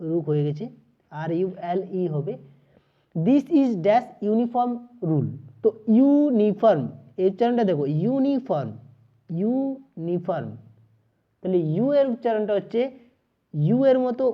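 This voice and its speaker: A woman teaching an exam-prep grammar lesson, explaining step by step, spelling out letters and repeating pronunciations, and slowing down to dictate example sentences. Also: mid-range voice. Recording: slightly dull lo-fi audio.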